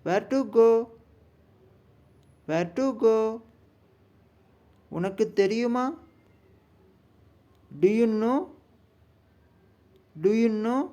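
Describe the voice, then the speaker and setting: A man with a Tamil accent teaching spoken English, reading each sentence slowly and twice for learners. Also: high voice, expressive, warm tone.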